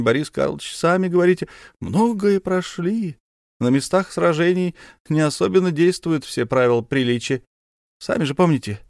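A cautious military officer picks his words slowly and politely, in a somewhat raised voice, as a male narrator plays him. The audiobook sound is dry and close. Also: fairly high pitch, a little mellow, no room sound, pitched above the performer's own voice, natural voice. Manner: careful, hesitant, old-fashioned politeness.

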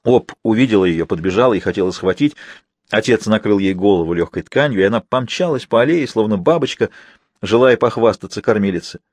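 A man reading a historical novel aloud in measured, even scripted narration. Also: fairly low pitch, no room sound. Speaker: audiobook narrator.

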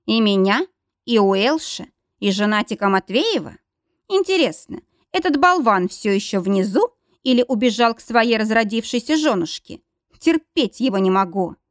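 A jealous, grumpy old man of seventy-five, as a woman narrator reads him, grumbling and sulking in a lively-pitched voice. The recording is dry and close. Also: normal speed, no echo. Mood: sulky. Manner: grumbling, sulky.

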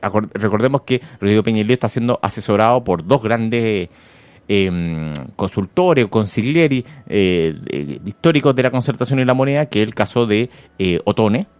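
This man hosts morning radio in a Chilean Spanish accent, chatting wryly about politics and reading listener messages aloud. His voice is fairly low, darkish, clear and resonant, with lively intonation at a normal speed, and there is no room sound.

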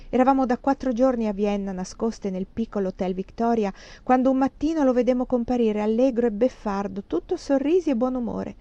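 Woman, novel reading, expressive storytelling, lo-fi sound, dry room. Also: medium pitch, no echo. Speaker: reader. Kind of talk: literary audiobook narration.

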